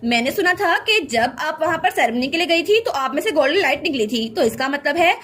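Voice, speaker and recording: An eager young nobleman asking questions, read by a woman narrator. The voice is high and plainly read. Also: expressive, fairly quick, fairly bright tone, slight background noise. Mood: curious.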